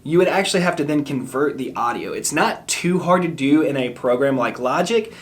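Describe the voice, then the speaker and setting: A young musician casually reviews a microphone in a product review vlog, upbeat and chatty, explaining tech terms in plain language. His voice is a little high, animated, and brisk, with background music playing.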